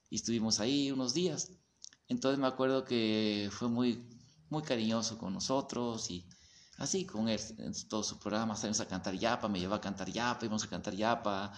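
A man with a Mexican accent giving a lively storytelling talk to devotees, acting out voices and sounds as he goes. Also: lowish voice, fairly quick. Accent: Mexican Spanish. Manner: animated storyteller, acts out voices and sounds, often asks "¿verdad?". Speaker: spiritual teacher.

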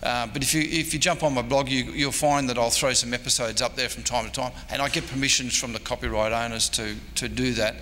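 An Australian historian in his sixties speaks in a brisk, steady, mid-range voice that sounds pushed and bright, with few pauses. His informal convention talk and audience Q&A ramble along hesitantly and self-deprecatingly. It's recorded in an echoey indoor meeting room with background noise.

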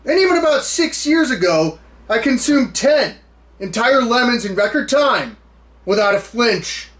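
An American man in his thirties hosting a food challenge to camera, talking casually and haltingly with mock-serious bravado. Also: extremely high pitch, animated, a bit bright. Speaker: food challenge video host. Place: small indoor room full of memorabilia.

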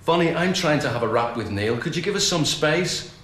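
A man's voice: fairly high pitch, expressive, a little fast, fairly bright tone. An actor with a British accent playing a breezy, unreliable father in his thirties, slangy and chummy, in a television drama. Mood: matey, coaxing. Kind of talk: naturalistic television drama acting. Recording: echoey room, faint noise.

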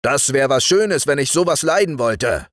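A man's voice: medium pitch, lively intonation, moderate pace, no room sound, clean studio sound, voice pushed up, close to an everyday voice. A man voicing a stern forester in a storybook reading. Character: stern adult male forester.

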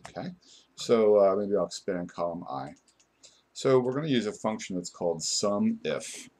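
A man's voice: lowish voice, animated, moderate pace, darkish tone. A man narrating a step-by-step screen tutorial as an instructor, explaining things informally and without a script.

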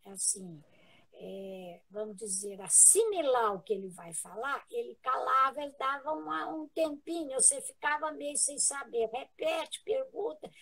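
A woman with a Brazilian Portuguese accent, a guest in a live interview, telling a personal story in an earnest, halting way with many restarts. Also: high-pitched, creaky, a bit bright, husky, low-quality recording.

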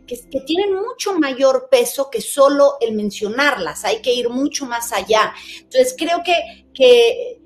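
A woman interview host with a fairly high voice. She works toward her questions in a conversational way, repeating small words as she goes. Faint music plays underneath. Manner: searching for words with repeated "que, y".

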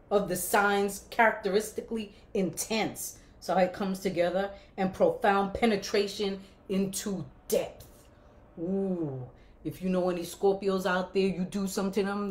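A woman in her fifties hosting a casual livestream chat, playful and emphatic, cheering viewers on with repeated phrases. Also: medium pitch. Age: 50s. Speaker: livestream show host.

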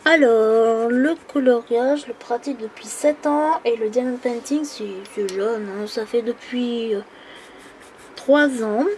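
A woman's voice: on the high side, unhurried, darkish tone, a little hiss or hum. A woman in her twenties from the Île-de-France region, chatting casually and hesitantly while coloring on camera at a table, with many fillers. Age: 20s. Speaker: coloring YouTuber. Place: indoors at a table.

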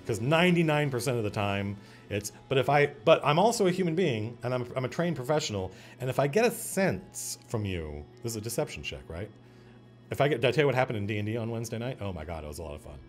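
A man hosting a casual stream about running tabletop games, talking in an animated, digressive way with frequent restarts. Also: medium pitch, fast talker, faint music behind. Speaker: host and game master. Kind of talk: casual livestream talk on game mastering.

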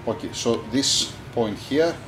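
Recorded on a handheld camera amid background noise, a man whose first language is Greek talks through rebuilding his engine in a workshop. His medium-pitched voice is expressive and a little slow; he thinks aloud, restarts frequently and uses non-native phrasing in this casual narration.

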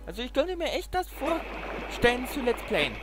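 A man doing casual reaction commentary as a streamer, with an animated, exclamatory way of talking. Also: very high voice, normal speed, soft background music. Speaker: streamer making reaction videos.

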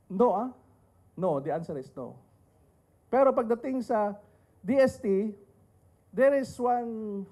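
A man's voice: sits high, mellow. Filipino man lecturing with a dry joke. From Philippines. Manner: joking asides and rhetorical questions. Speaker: tax lawyer speaking on a panel. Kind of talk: lecture to an audience, mixing Tagalog and English.

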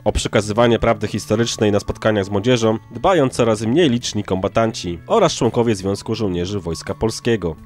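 Male news voice-over, lowish pitch, scripted delivery, soft music bed. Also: fairly quick, hardly any pauses. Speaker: news narrator.

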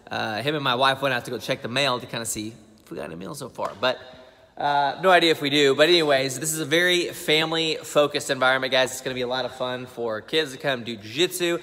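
A man's voice: medium pitch, quick pace, pushed and bright. A young man in his twenties casually vlogging as a gym owner, chatty and upbeat with loose fillers, filming on a phone at arm's length. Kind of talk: casual vlog walkthrough. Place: car, then large empty gym room. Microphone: phone held at arm's length. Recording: long reverb in empty hall.

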